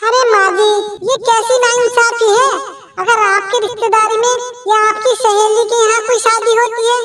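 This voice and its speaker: A woman's voice: very high-pitched, little pitch movement, moderate pace, noisy background. A woman voicing a sly, cheeky young wife in a cartoon comedy, with a teasing sing-song manner. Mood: whiny. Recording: roomy, distant echo.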